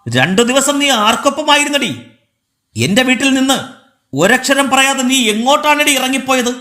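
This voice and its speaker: A man's voice: extremely high pitch, animated, moderate pace, pitched above the performer's own voice, heavily acted. A man voicing a furious, scornful man who harshly berates a young woman in an audiobook. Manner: harsh, shouting, contemptuous. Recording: echoey room.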